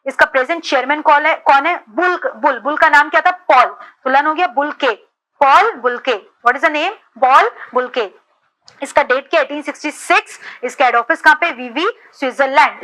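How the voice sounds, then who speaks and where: A woman teacher with a high, bright voice runs an exam-prep lecture. She fires quick questions at her students and mixes Hindi with English. She keeps checking that they are following along. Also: low-quality recording. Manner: repeats "ठीक है" to check understanding.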